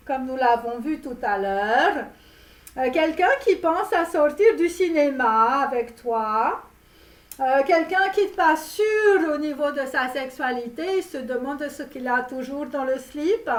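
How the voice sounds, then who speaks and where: A woman's voice: high voice, a bit bright, distant mic. A woman voicing a brash Romanian-American guru coach with a put-on Romanian accent, who talks in a rambling, theatrical way during a comic tarot reading. She is recorded in a roomy space away from the mic. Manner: rambling, theatrical, self-promoting. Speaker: tarot reader and love coach.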